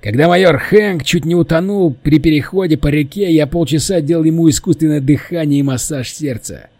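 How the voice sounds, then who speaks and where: A man voicing a cheerful, boastful, simple-minded young jock in an audiobook, pitched higher than his own voice. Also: fairly quick, warm tone, no room sound.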